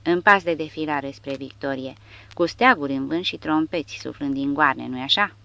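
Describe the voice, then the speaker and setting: A woman's voice: low-pitched, creaky, pushed and bright, exaggerated voice. A woman voicing a bitter, cynical male soldier with a mocking tone.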